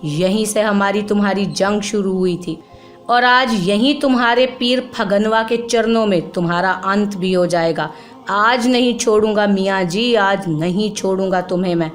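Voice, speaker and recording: A woman's voice: mid-range voice, unhurried, faint music behind, natural voice. Woman doing a spiteful male sorcerer. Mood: taunting. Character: evil male jogi sorcerer, spiteful and cunning.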